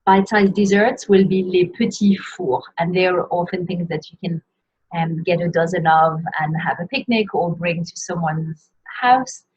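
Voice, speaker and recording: A woman teaching French pronunciation in a video lesson, slowly modelling each word for learners to repeat. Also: on the low side, a little mellow, breathy edge. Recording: dull lo-fi sound.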